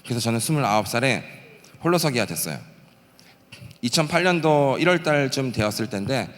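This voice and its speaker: A man in his late thirties from the Gyeongsang region preaching a testimony sermon, telling his story with animated energy and acting out the prayers and shouts he quotes. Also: mid-range voice, brisk, big-room sound. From Gyeongsang region, South Korea. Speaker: pastor and missionary. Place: church sanctuary.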